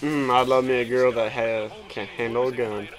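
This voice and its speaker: A man's voice: mid-range voice, little pitch movement, moderate pace, poor audio. A man co-hosting a let's play, teasing his partner with short, curt replies in casual chat. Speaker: co-host.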